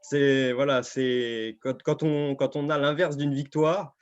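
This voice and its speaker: A man's voice: medium pitch, steady tone, slow pace, clean tone. Hesitant, filler-heavy American football coach, male, muffled video-call sound. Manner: hesitant, many fillers and restarts. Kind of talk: casual interview over video call.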